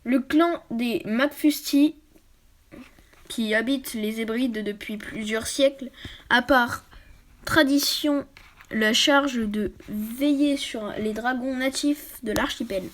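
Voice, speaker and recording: A woman reading a book aloud for her channel. She often trips over words, corrects herself, and drops into quick, quiet asides. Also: on the high side. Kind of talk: casual read-aloud with asides.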